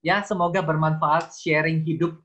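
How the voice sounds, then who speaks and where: A man's voice: fairly high pitch, fairly even intonation, moderate pace, pushed and bright, highs cut off. A man in his sixties, a theology teacher, giving a chatty, self-mocking personal testimony to a youth group and slipping into English phrases. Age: 60s. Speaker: guest speaker, theology teacher.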